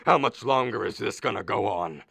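A man's voice: on the low side, animated, moderate pace, vocal fry, fairly bright tone, slightly rough, dry recording, clean studio sound, full character voice. An actor playing an exasperated middle-aged father with a hurt arm in a radio play, groaning and complaining.

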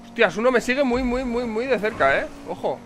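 An excitable man with a Spain Spanish accent commentates his own car race in a fairly high voice. He swears freely and fires off words in repeated bursts. Faint game sounds run underneath. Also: brisk. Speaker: gameplay commentator. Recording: faint game noise behind.

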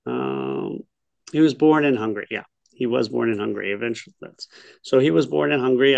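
A middle-aged man teaches an adult history class over a video call from a home study lined with bookshelves, picked up by his webcam. His mid-range voice has vocal fry with no room sound, and he thinks aloud, corrects himself, and quizzes his listeners.

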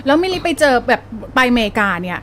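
Female radio host, higher pitch, chatty and encouraging, faint hiss behind. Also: very animated, fast talker, a bit bright. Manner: chatty, encouraging, frequent backchannel sounds. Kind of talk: casual interview hosting.

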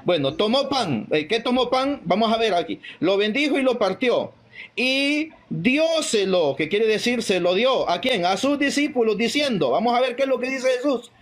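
A man with a fairly high voice leads a live online debate over a video call. He reads verses aloud slowly, leaning on each quoted line, then argues his point. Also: expressive. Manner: slows down and stresses quoted verses, argumentative.

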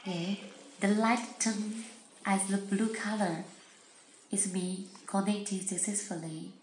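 In an echoey room with some noise behind her, a woman whose first language isn't English slowly walks through a product demo, repeating instructions in simple, hesitant phrasing. Her pitch is medium, her tone level and somewhat dark.

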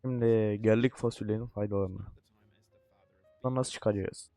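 A man giving let's-play commentary, cursing a lot in frustration and repeating short words while coaching himself to stay calm. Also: fairly low pitch, normal speed, no room sound, faint music behind. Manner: repetitive outbursts. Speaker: gaming YouTuber.

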